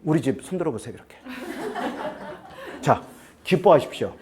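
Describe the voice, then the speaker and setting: Male admissions consultant speaking to parents: a fairly high voice that swings up and down a lot, chatty and joking, keeps asking the room to agree. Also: wildly swooping pitch, measured pace, crowd noise. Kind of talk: lecture to parents. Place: seminar room with an audience.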